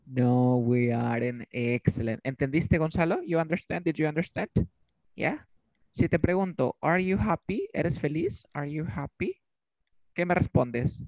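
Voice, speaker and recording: A man's voice: fairly high pitch, measured pace, a little mellow, no echo. A man teaching an online English class in Spanish, drilling students with repeated questions. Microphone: video call.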